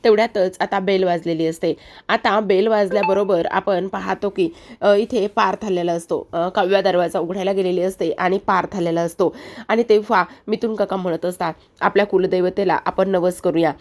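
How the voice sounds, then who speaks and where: A woman's voice: medium pitch, fairly even intonation, moderate pace, darkish tone, slight background noise. Brief: woman narrator, casual recap, chatty with hesitations. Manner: conversational, filler-heavy. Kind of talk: casual story retelling.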